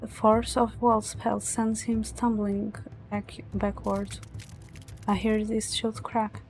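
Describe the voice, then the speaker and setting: A woman's voice: mid-range voice, little pitch movement, slow, darkish tone, faint music behind. A woman streamer reading story narration aloud from a visual novel, dramatic but stumbling over words now and then.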